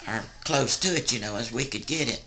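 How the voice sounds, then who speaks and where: An elderly woman with a Southern US accent, a sweet old lady telling family stories in a folksy, rambling, gravelly way. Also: a bass voice, fairly quick, a bit bright. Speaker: grandmother recounting family stories. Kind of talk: casual oral storytelling.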